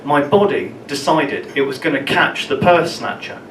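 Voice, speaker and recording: A man telling a personal story at an open mic, halting and often repeating words as he goes. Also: a little high, fairly bright tone. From London, England. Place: small open mic venue in a room. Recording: roomy, distant, with room ambience noise.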